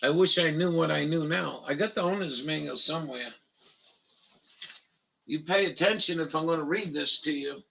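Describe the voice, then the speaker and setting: A man's voice: fairly high pitch, moderate pace, vocal fry, sharp tone, husky, rough recording. A man with a Maine accent, hosting a livestream in crude, joking, rambling chat and mockingly reading things aloud. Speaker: livestream host.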